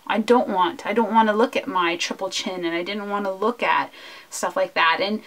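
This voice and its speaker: A woman talks casually over her crafting, earnest and heartfelt, drifting from one topic to the next as she works. Her voice sits at an ordinary middle pitch, with a conversational, confiding tone throughout. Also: fairly even intonation, normal speed, fairly bright tone. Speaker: scrapbooking vlogger.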